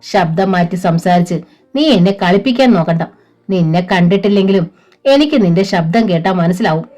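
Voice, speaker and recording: A woman voicing a smooth-talking male recruiter who coaxes a girl over the phone. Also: on the low side, expressive, normal speed, warm tone, faint music behind, natural voice. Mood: coaxing. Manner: coaxing, persuasive.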